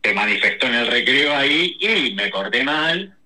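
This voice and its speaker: A man, a guest telling personal stories in a lively, slangy way with many restarts. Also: mid-range voice, crowd noise, low-quality recording. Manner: animated, rushes through stories with slang and restarts. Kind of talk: casual personal storytelling.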